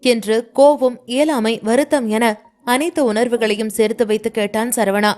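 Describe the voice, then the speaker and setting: Higher-voiced woman telling a story. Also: fairly even intonation, moderate pace, darkish tone. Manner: dramatic, emotive reading. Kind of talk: scripted narration.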